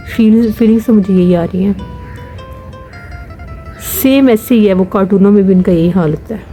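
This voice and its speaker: A woman's voice: mid-range voice, dark tone. A woman family vlogger from Pakistan giving amused, chatty live commentary while filming birds outdoors.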